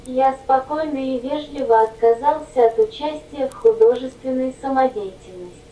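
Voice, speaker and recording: A female text-to-speech robot voice reading autobiographical notes in an even, mechanical way. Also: sits high, moderate pace, roomy sound, distant mic, slight background noise, low-quality recording.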